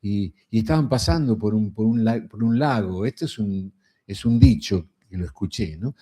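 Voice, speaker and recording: A man's voice: fairly low pitch, normal speed, dark tone, breathy edge. A middle-aged man with a Rioplatense Spanish accent preaching a sermon in a folksy, conversational way, often tossing in a rhetorical "¿no?".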